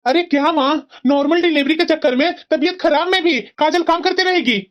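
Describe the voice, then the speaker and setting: A woman voicing an earnest young son who pleads and reasons with his mother in an animated family drama. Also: high-pitched, a little fast, highs cut off, natural voice. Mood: pleading. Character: earnest young married son defending his sister-in-law.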